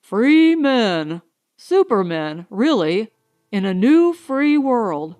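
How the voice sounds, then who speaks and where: Narrating a sci-fi short story for an audiobook, a woman speaks with measured, careful enunciation. Her slightly high, somewhat mellow voice is very animated.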